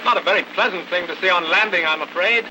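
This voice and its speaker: An actor in an early talkie film playing a courteous, brisk army officer with formal, clipped manners, on a noisy old soundtrack. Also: male voice, sits high, natural voice. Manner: formal, clipped, polite authority.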